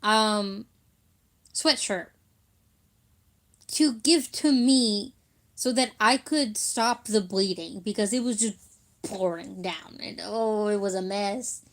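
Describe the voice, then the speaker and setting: A woman's voice: mid-range voice, takes it slowly, pauses often. A young woman chatting casually to her viewers, telling childhood stories with frequent giggles and filler words. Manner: giggly, laughs often while telling stories. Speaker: vlogger. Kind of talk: casual storytelling chat.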